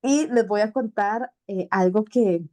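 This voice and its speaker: A woman's voice: mid-range voice, a little slow, mellow. A woman co-hosting a talk show, telling stories in a chatty, self-deprecating way and laughing often.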